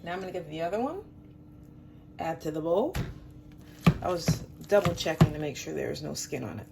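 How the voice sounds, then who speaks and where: A woman with a fairly low voice hosts a casual home cooking demonstration from her kitchen, chatty and quick to make fun of herself. She's a little under the weather, which shows in her voice, and heavy background noise runs underneath.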